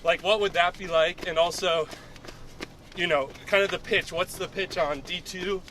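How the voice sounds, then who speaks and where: A man with a bright, fairly high voice hosts a casual chat while running outdoors. He sounds a little way from the microphone, with faint outdoor noise behind him. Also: fairly even intonation, normal speed, distant mic. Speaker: interview host. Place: outdoors on a run.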